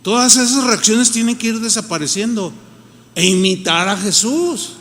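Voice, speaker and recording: A man's voice: sits high, moderate pace, a bit bright, long reverb tail. A Mexican man, a pastor, preaching a sermon in a conversational way and acting out the people he quotes.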